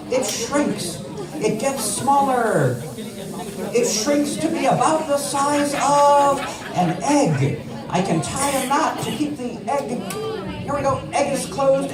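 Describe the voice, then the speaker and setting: A man with a very high-pitched voice works as a children's party magician, playful and exclamatory. He repeats his phrases for a young audience. The recording is distant and echoey, with a loud crowd around him.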